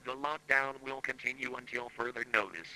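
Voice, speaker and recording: A man reading a scripted emergency announcement over an air raid loudspeaker, stern and commanding. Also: medium pitch, fairly even intonation, a little fast, poor audio.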